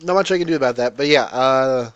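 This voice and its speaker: A man's voice: mid-range voice, fast, smooth, lo-fi sound. A man hosting a let's play, giving casual gameplay commentary in a joking, rambling, irreverent way.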